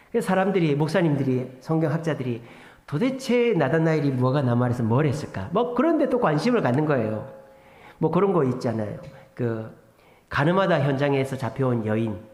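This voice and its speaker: Give me a male pastor preaching emphatically, his high voice rising and falling widely. His loud exhortations and quiet asides ring through a reverberant sanctuary. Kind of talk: sermon. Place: church sanctuary. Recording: echoey church hall with long reverb.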